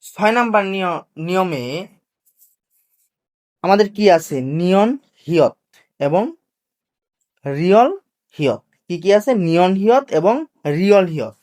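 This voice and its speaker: A teacher gives a video lesson. They explain rules slowly and keep asking rhetorical questions before answering them. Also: medium pitch, animated, darkish tone. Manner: asks rhetorical questions and answers them, repeats key points; slow, careful drilling of pronunciation rules. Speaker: language teacher. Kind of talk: classroom-style video lesson.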